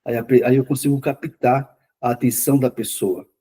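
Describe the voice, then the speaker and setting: A man giving a classroom lecture on therapy, talking quickly and repeating words for emphasis. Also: medium pitch, fairly even intonation, mellow, breathy edge. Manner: says himself he talks fast. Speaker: lecturer on mental health therapy.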